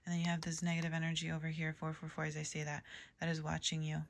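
A woman giving a tarot reading to a general audience, in a calm, even delivery with soft whispered asides. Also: low-pitched, very fast, creaky. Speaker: tarot reader.

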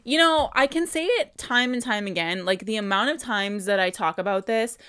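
A woman's voice: medium pitch, animated, moderate pace, fairly bright tone, smooth. A young woman in her twenties reacting to a music video at home, gushing and squealing, with lots of fillers, into a studio mic. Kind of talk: excited casual reaction commentary. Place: bedroom at home, indoors. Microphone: studio mic with pop filter in front. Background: song playing in the background.

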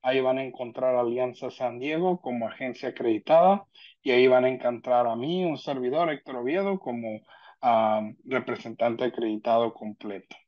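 Speaking at a medium pitch and a moderate pace, a man acting as a legal representative gives a casual explanatory presentation online. His conversational delivery is a little hesitant. The video call is picked up by a computer microphone, leaving the audio dull and lo-fi.

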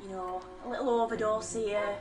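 A woman's voice: medium pitch, steady tone, moderate pace, far from the mic, music in the background, natural voice. A woman playing a sinister care-home lady, sweet and menacing. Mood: gleefully chatty. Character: sly, sinister older female care-home worker. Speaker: care-home worker character. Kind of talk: horror game acting.

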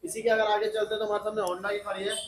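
A man's voice: sits high, completely flat delivery, quick pace, slight background noise. A man hosting a promotional showroom walk-through, questioning and repeating offers for viewers. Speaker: video host. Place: tiled scooter showroom, indoors.

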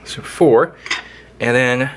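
Speaking slowly in a medium-pitched voice with slight background noise, a man hosts a laid-back cooking video from his kitchen. The overhead camera stays on his hands while the channel host jokes around and throws in sing-song sound effects.

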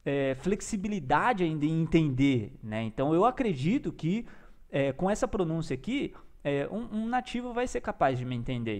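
A young man who is both a language learner and teacher gives a casual, enthusiastic vlog-style lesson full of slang and tag questions. His voice is high-pitched with a darkish tone.

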